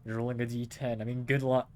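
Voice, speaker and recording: A man hosting a live game stream, chatting casually with his viewers. He keeps asking them questions and chuckles often, his voice at an average, middle pitch. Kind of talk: casual live gameplay chat.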